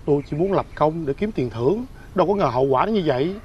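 Actor playing a grumbling farmhand, rapid speech, lively pitch, faint music. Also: male voice, dull audio, slight background noise, close to an everyday voice. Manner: grumbling, fast and curt. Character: sly hired farmhand, grumbling and defensive. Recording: film dialogue under background music.

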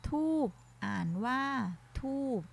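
A woman teacher leading a reading lesson for young children, saying each word slowly and clearly and speaking to them gently and politely. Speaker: primary school teacher.

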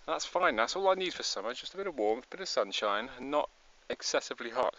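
A man's voice: mid-range voice, animated, quick pace, a bit bright. A Scottish man chatting casually in a vlog while out biking on hills, rambling and self-deprecating. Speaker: vlogger. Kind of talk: casual outdoor vlog chat. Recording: slightly dull outdoor recording, faint noise.

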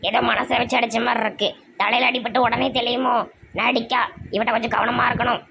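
A woman with a Tirunelveli Tamil accent in a village comedy skit, loud and complaining. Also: a little high, level tone, a little fast, creaky, background noise. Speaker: comedy sketch actor.

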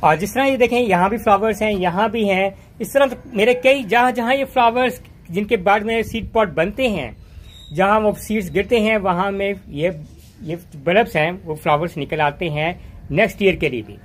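A man's voice: high voice, moderate pace, a little hiss or hum. A man hosting a gardening channel, walking through his rooftop garden outdoors and talking casually into a handheld phone, rambling and often restarting his words.

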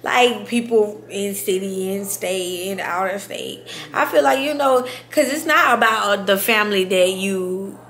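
A young adult woman chatting casually in an animated, slangy way. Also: medium pitch, a little slow, hardly any pauses. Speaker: vlogger. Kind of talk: casual chat. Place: indoors at a home dining table. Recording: echoey room.

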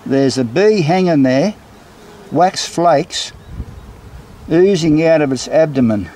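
Standing outdoors by a beehive and brick house, a male beekeeper narrates his hive inspection for a casual vlog. His voice is a little high, animated and warm, and he speaks slowly. The low-quality recording carries clear buzzing from the bees.

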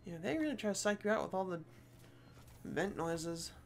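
A man's voice: high-pitched, lively intonation, normal speed. A man casually commenting as he plays a game, muttering self-deprecating asides. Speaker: game streamer.

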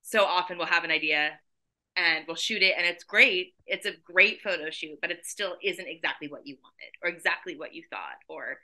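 Speaking at a normal speed in a lowish voice, this San Diego, California photographer in her forties is a guest on a casual video-call interview. She talks from her living room in a chatty, enthusiastic way, her hands gesturing animatedly.

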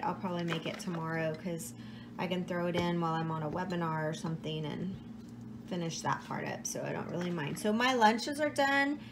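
A woman's voice: medium pitch, background noise. A young woman chatting casually to camera while she cooks and preps meals in her home kitchen, upbeat and talkative with her hands busy. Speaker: vlogger sharing meal prep. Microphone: phone camera propped on a counter.

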